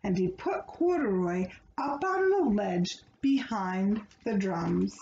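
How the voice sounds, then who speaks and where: Reading a children's storybook aloud, a middle-aged woman with a mid-range voice shapes each phrase expressively and deliberately for young ears. She's in a small living room, captured on a roomy, dull home recording with background noise.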